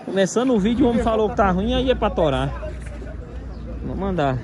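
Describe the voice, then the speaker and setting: A man's voice: high voice, sing-song, a little fast. Chatty man filming a street market. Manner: chatty, haggling, slangy asides. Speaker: vlogger touring a street market. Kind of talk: casual market walkaround chat. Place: busy outdoor street market. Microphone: handheld phone camera. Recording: crowded outdoor market noise. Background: market crowd chatter.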